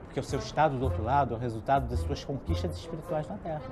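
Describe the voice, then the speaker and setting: A man with a Brazilian accent playing a blunt, flippant spirit in a comedy sketch, breezy, slangy and deadpan. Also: mid-range voice, rapid-fire, over music, lightly acted. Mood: deadpan, teasing. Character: blunt, flippant spirit friend, casually tactless.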